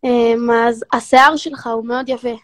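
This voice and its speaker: A female livestream caller with a high voice. She teases casually and hesitates as she hunts for words. The sound is dry and close. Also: steady tone, no room sound. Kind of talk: casual, teasing chat.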